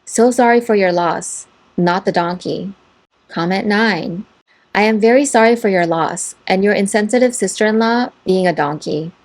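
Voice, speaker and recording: A woman narrator reads online posts and their comments aloud at an even, measured pace. Her voice sits at a middle pitch, neither high nor low. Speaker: story narrator.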